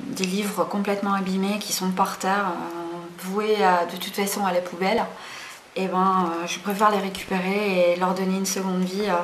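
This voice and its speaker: A woman hosting a casual craft tutorial, chatty and hesitant, full of fillers and self-corrections. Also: mid-range voice. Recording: roomy echo, faint background noise.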